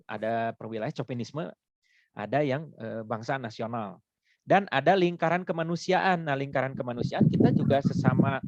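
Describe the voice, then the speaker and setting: A man giving a relaxed online lecture, chatty and laughing often. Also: mid-range voice, gravelly, dry recording, dull audio. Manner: chatty, laughs often, switches into Sundanese words.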